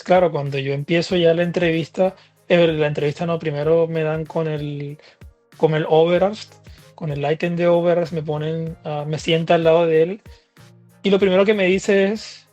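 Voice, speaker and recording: A man, a physician telling his own story in a relaxed, chatty interview, with fillers and restarts. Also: a little high, moderate pace, lo-fi sound, faint music behind. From Latin America. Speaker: guest physician.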